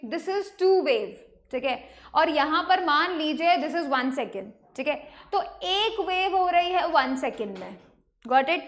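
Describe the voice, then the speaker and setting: High-voiced Indian woman teaching. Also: a bit bright. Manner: mixes Hindi and English, checks in with "ठीक है?" and "right?". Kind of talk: online class lecture.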